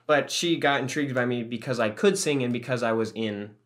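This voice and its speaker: A young man co-hosts a podcast in a casual chat, telling rambling, joking stories and swearing often. His voice is mid-range and fairly quick.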